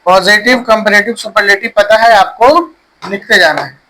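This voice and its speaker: High, bright-voiced teacher, slow. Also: male voice, poor audio. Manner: slow, drawn-out dictation, checking in with students. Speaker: English teacher. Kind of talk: classroom grammar lesson.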